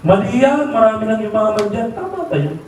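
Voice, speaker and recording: A middle-aged man with a Filipino accent rallies a seminar crowd, keeps asking "right?" and mimics the voices he quotes. His voice sits high. It reaches the mic from a distance in a very echoey hall, with a little faint noise behind. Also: big pitch swings, brisk, darkish tone. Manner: rhetorical, keeps asking the audience "di ba?" and "tama?". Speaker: company executive giving a motivational talk. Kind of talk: motivational seminar talk. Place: large hall, live seminar.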